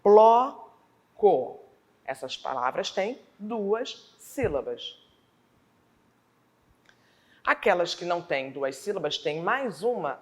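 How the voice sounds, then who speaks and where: A woman teacher from Brazil with a Rio de Janeiro accent, explaining a school lesson slowly and deliberately, sounding out words syllable by syllable. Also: medium pitch. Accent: Rio de Janeiro Portuguese.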